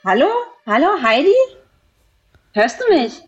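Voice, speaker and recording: A woman's voice: on the high side, sing-song, unhurried, noisy background. A woman and podcast co-host giving a chatty, affectionate update on a phone call, her voice muffled and lo-fi like a phone line.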